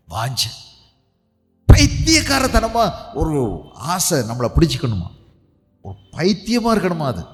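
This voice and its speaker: A male pastor preaching a sermon with a Tamil Nadu accent, asking rhetorical questions and swinging between loud and soft. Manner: animated, rhetorical questions, dramatic swings in pitch and loudness. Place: church prayer hall. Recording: long hall reverb with faint music.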